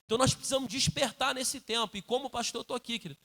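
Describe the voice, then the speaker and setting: Middle-aged man, church pastor, high voice, preaching with earnest force. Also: racing, vocal fry, bright, forceful tone. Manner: calls listeners "querido". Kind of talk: sermon. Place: church sanctuary.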